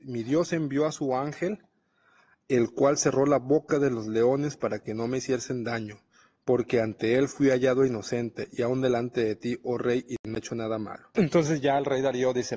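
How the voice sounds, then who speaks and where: A man's voice: mid-range voice, mellow, husky, in a large hall. A man preaching a Bible study, reading scripture and explaining it conversationally.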